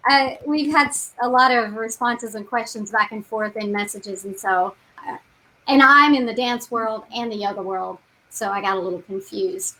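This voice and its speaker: A woman's voice: a little high, moderate pace, bright, forceful tone, rough recording. A middle-aged woman co-hosting a live online panel over a video call, friendly, reading out questions and laughing easily. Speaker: co-host of an online training panel.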